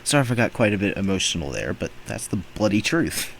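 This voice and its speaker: Man, low voice, lots of pitch swing, indignant reaction commentary. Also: very animated, fast talker, vocal fry, fairly bright tone, a little hiss or hum, low-quality recording. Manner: indignant, emphatic ranting. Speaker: video host reacting to clips.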